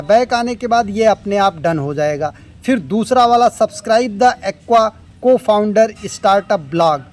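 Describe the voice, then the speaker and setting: A man with a notably high voice for a man leads a screen-recorded app tutorial. He explains each tap and step in an instructive way, with English technical words dropped in. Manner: step-by-step instructive, mixing English terms into Hindi. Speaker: crypto earning tutorial host.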